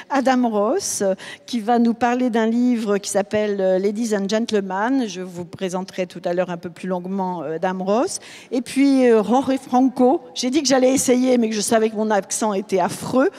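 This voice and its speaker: A woman's voice: on the high side, a little mellow. Hesitant woman hosting a panel, echoey hall. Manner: hesitant, many fillers. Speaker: host. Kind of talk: festival panel introduction. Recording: long hall reverb.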